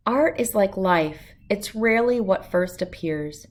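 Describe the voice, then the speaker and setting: A woman of medium pitch narrates a children's picture book aloud in the first person, a little slowly, with expressive and clearly phrased delivery.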